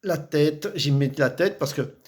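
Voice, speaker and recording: A man with a Vosges French accent chats casually about regional words. His voice sits a little high, and he circles back on himself with fillers and restarts. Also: a little slow, a little mellow. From Vosges, France. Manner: chatty, repetitive, many fillers and restarts. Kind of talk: casual vlog explaining local words.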